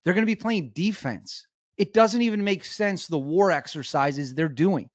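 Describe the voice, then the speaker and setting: A man's voice: sits high, moderate pace, no room sound, lo-fi sound. A man hosting a commentary show, reacting to video clips with heavy sarcasm and mocking exclamations. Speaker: political commentary host.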